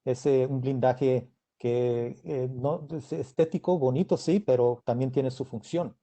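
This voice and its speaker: Middle aged guy w american accent, english native, really dark mellow voice, halting, hunting for words answering questions at a tech talk. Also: mid-range voice, fairly even intonation. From Mexican-American. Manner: halting, searching for words in non-native Spanish. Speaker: guest speaker, engineer.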